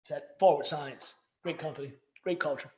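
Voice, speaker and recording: Over a few beers, a podcast co-host with a voice on the high side but dark in tone talks at a moderate pace. The conversation wanders, full of jokes and self-interruptions. Echo from the room is audible.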